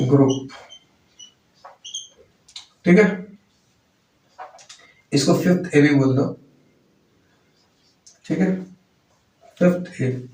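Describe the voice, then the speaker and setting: A man's voice: a little high, darkish tone, slight background noise. A man teaching a chemistry class, asking questions and answering them himself, repeating key words. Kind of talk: classroom lecture. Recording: roomy echo, voice from far off.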